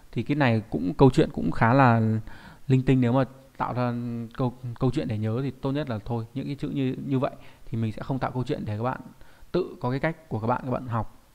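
A man teaching an online kanji lesson. He talks in a chatty way, keeps asking rhetorical questions, and says Japanese words slowly and carefully. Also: medium pitch, a little mellow.

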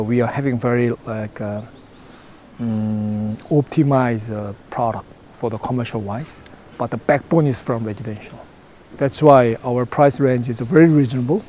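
Man, 40s, halting English full of fillers, mellow, faint outdoor hiss. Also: mid-range voice. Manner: halting non-native English with many fillers. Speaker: product manager interviewee. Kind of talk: interview answers. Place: outdoors in front of a branded backdrop. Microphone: lapel mic.

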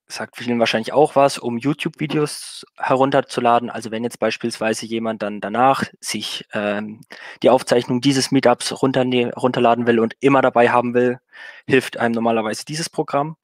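A man giving a technical talk at an online meetup, loose and conversational, stopping to fix his own words. His voice sits at an ordinary pitch. The sound is dry and close, with no room around it. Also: no room sound. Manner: relaxed, many fillers and self-corrections. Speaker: meetup speaker.

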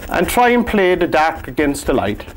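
An older man with a Cork Irish accent teaches an on-camera painting lesson in a studio with an easel and backdrop, wearing a lapel mic. His fairly high voice swings widely in pitch at a moderate pace, and he sounds chatty and encouraging despite the poor audio.

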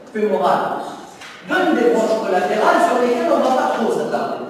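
A man's voice: very high-pitched, background noise. A man teaching an anatomy lecture, explaining step by step, repeating key terms and asking students rhetorical questions. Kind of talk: university lecture. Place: lecture hall. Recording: echoey lecture hall recorded from far off.

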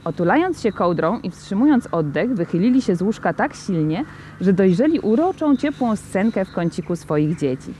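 A woman's voice: mid-range voice, normal speed, a little hiss or hum. Woman reading a novel aloud. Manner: lively expressive storytelling. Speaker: reader.

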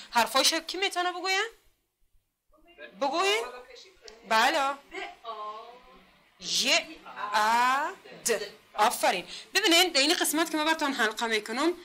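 A woman teaching literacy in a classroom, speaking with an Afghan Dari accent, patiently repeating herself and sounding out letters slowly. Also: high voice, sharp tone. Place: classroom with a board.

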